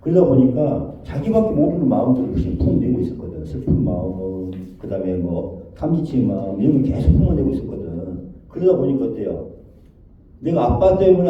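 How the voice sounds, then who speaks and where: A man giving a spoken lecture on overcoming depression, asking his listeners rhetorical questions and acting out the phrases he quotes. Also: fairly high pitch. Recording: echoey and distant, dull, faint noise.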